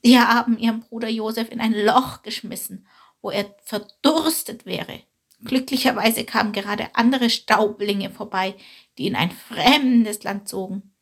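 A woman voicing a female goat in a storybook reading who tells old tales, mildly reproachful, with a breathy voice. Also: a little high, a little slow. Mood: storytelling.

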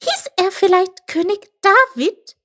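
Woman voicing a high, squeaky, impatient little male critter for a storybook, lively pitch. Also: normal speed. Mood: excited. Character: small eager curious young male creature.

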